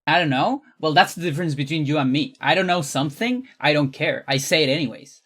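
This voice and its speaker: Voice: medium pitch, fast talker, a bit bright, breathy edge. A streamer from Chile with a Chilean accent and Spanish as a first language, chatting casually and teasingly while playing a game. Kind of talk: casual livestream chat while gaming.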